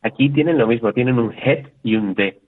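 Speaking at a normal speed with a medium-pitched voice, this man from Spain chats loosely as an interview guest. He often restarts his sentences and slips in short quoted exchanges. It comes through a tinny, phone-like connection.

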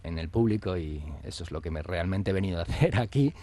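Guest: man, very low voice, reflective singer-songwriter. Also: animated, quick pace, dark tone. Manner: reflective, often ends phrases with a questioning tag. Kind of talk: radio interview.

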